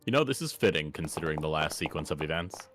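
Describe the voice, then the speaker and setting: A man's voice: a bass voice, lively intonation, quick pace, a bit bright, soft background music. A man playing a tabletop game, describing his actions with a wry, joking manner. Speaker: player. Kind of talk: casual tabletop play.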